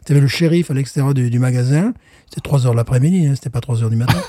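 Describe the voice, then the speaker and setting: A man's voice: mid-range voice, racing, mellow, no room sound. A man co-hosting a beer tasting show in casual chat, rambling with fillers and restarts. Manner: rambling, many fillers and restarts, chuckles often.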